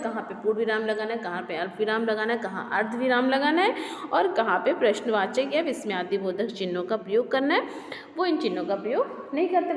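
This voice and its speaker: Echoey Hindi teacher woman, step-by-step. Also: a little high. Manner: explains step by step, repeats key words. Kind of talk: classroom grammar lesson. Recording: echoey room with long reverb, faint background noise.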